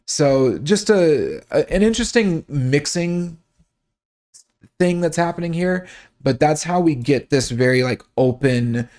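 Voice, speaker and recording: A man's voice: mid-range voice, darkish tone. A man hosting a song breakdown, casually explaining the mix, thinking aloud with fillers and restarts, and humming sounds to show them. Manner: hums sounds to illustrate. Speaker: music breakdown host.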